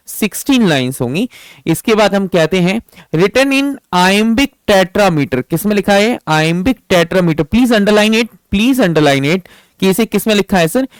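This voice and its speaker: Indian man, grammar teacher, slow measured delivery, asks and answers his own questions, dry close sound. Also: high-pitched, smooth, no room sound, low-quality recording. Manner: reads English lines slowly, explains in Hindi, asks and answers own questions. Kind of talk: online exam-prep lecture.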